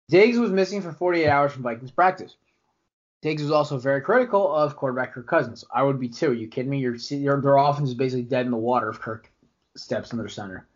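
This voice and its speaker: A young man co-hosting a sports podcast, giving rambling, animated opinions with frequent restarts. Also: mid-range voice, brisk. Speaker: podcast co-host. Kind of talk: casual sports chat. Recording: dull lo-fi podcast audio.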